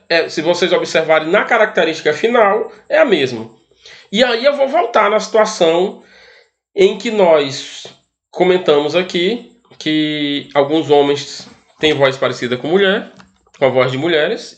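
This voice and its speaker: A man with a Brazilian Portuguese accent teaching an arts lesson, explaining step by step and often asking the class rhetorical questions. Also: a little high. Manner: explanatory, asks rhetorical questions, frequent tag questions.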